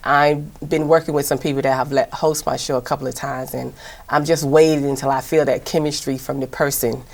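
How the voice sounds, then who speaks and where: Very low, gravelly Southern-accented woman. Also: steady tone, brisk. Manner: chatty, rambling, many fillers. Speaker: TV host and producer, guest. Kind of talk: casual interview chat.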